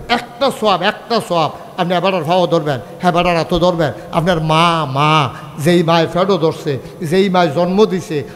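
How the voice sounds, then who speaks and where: A high-pitched man with a delivers a lively sermon, his voice carrying through a reverberant hall. He swings into sing-song storytelling and prompts the listeners to call back. A faint ambient hum sits under him. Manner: sing-song, animated storytelling, calls crowd to answer. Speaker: preacher. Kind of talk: Bengali village sermon (waz).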